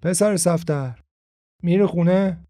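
A brash street-tough young man voiced by a male reader speaks in swaggering, slangy bursts, louder than the narration around him. His voice sits high, and the recording is dry and close, with no room around it. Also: no room sound, natural voice.

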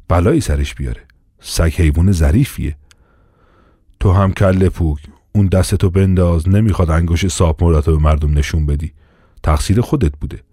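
A man's voice: sits low, mellow, slightly rough, no echo, clean studio sound. A man voicing a pompous, bullying police inspector in an audiobook, blustering and commanding. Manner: blustering, commanding, quick to turn. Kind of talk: audiobook character voice.

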